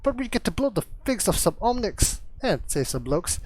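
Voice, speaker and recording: Guy putting on a crazy young aussie bomb nut, wild and excitable, yelpy and high. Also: normal speed, dry recording. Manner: wild, excitable, attempted Australian twang. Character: manic young male Australian junker demolitionist.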